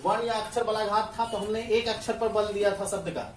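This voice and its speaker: A man's voice: high voice, level tone, a little fast. Male teacher, classroom grammar lesson, asks questions and answers them, echoey room. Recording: echoey room, far from the mic, faint ambience.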